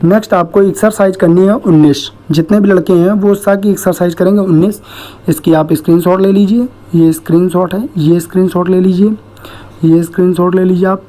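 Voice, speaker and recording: A woman with a fairly low, warm and mellow voice teaches shorthand online. She walks through each stroke patiently, one step at a time. She keeps checking in with her students as she goes. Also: fairly even intonation, a little fast. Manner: repeats "ठीक है" to check in. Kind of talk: online lesson.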